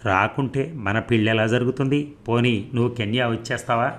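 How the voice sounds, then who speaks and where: A man's voice: mid-range voice, brisk, a bit bright, natural voice. A man reading aloud as a confident, boastful young lover in a storybook, speaking with insistence. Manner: insistent, self-assured.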